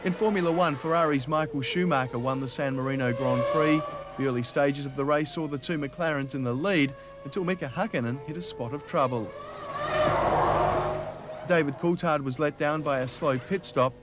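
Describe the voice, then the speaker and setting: A man's voice: a little high, moderate pace, very noisy. A man with an Australian accent hosting a sports show, reading scripted sports news.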